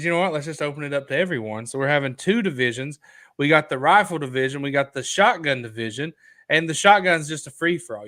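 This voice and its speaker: A man's voice: on the high side, fairly bright tone. Talkative man hosting a live chat. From Kentucky. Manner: loose and talkative, reads out viewer comments, jumps between topics. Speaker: livestream host.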